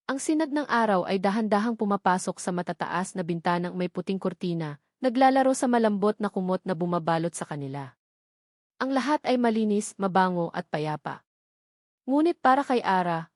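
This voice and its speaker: A slightly mellow, medium-pitched voice belongs to a woman with a Filipino accent narrating a scripted love story dramatically. The recording is studio quality with no echo.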